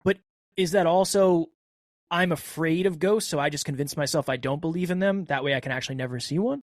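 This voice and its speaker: A woman's voice: low voice, fairly quick, dry recording, clean studio sound. A woman in casual chat, giving short agreeing replies and thinking aloud.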